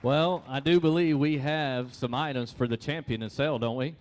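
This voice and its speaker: A man's voice: medium pitch, fairly even intonation, moderate pace, a little mellow. A man emceeing an auction contest, announcing the winner. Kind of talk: announcing at a live event.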